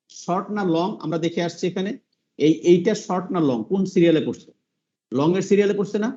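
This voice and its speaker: A man's voice: high voice, warm tone, dull audio. A man teaching English pronunciation in an online class, patient and repetitive, often quizzing the listeners. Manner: patient, repeats sounds slowly, asks the class questions.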